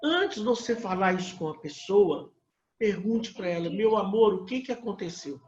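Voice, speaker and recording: A Brazilian man from Minas Gerais leads a church couples class with a fairly high voice. He talks loosely, dropping in tags and restarting sentences. The sound is roomy and muffled, with faint background noise. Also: animated, normal speed, darkish tone, faint music behind. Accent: Brazilian Portuguese, Minas Gerais. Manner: conversational, with many filler tags and restarts. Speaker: pastor.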